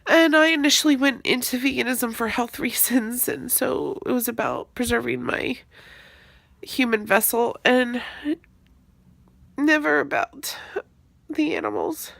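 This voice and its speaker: A crying, blubbering woman in an emotional confessional monologue, halting and sighing, her voice creaky and breaking into whispers. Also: a little high, animated, a bit bright, no room sound.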